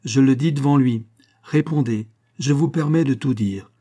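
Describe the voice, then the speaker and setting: A man's voice: mid-range voice, moderate pace, mellow, pitched above the performer's own voice, lightly acted. A man reading an audiobook who voices a proud young queen, speaking firmly and demanding justice. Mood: indignant. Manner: firm, indignant, demanding.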